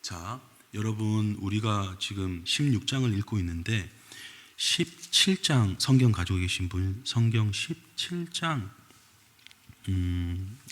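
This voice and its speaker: A man preaching a sermon as pastor, lively and quick to question his congregation, recorded in a church sanctuary. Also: on the low side. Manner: animated, keeps asking the congregation questions. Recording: long reverb of a church hall.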